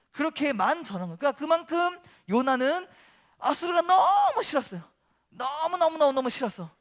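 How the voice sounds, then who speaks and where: A man preaching a children's sermon, telling the story in an animated way and asking the kids questions. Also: very high voice. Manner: animated, asks the kids questions, acts out voices.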